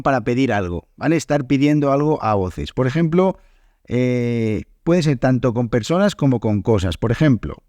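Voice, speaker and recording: A man from Spain with a hoarse, fading voice, explaining a Spanish lesson on his podcast and often checking in with his listeners. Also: medium pitch, darkish tone, no room sound, studio quality. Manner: explanatory, many fillers and checks. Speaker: Spanish teacher, podcast host.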